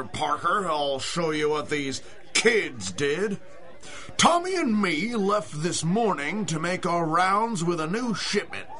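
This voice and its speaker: An actor playing an indignant, streetwise working-class business owner in a 1930s-style radio adventure. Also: male voice, high-pitched, pushed and bright, full character voice. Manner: gruff working-class bluster, streetwise slang. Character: blustering, indignant male 1930s produce trucker boss.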